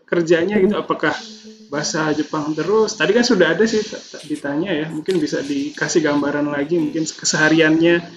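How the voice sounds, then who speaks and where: A man's voice: fairly high pitch, fairly even intonation, brisk. A man, a lecturer, talking politely and hesitantly over a video call whose audio keeps breaking up. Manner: polite, hesitant, lots of fillers. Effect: choppy, breaking-up audio over a weak call connection. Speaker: university lecturer hosting an online session. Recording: dull lo-fi call audio with faint noise.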